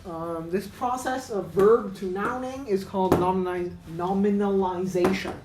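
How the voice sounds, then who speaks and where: A woman's voice: mid-range voice, steady tone, a little slow, echoey room, music in the background, poor audio. A woman teaching English pronunciation in a casual lesson, thinking aloud with many fillers and self-corrections.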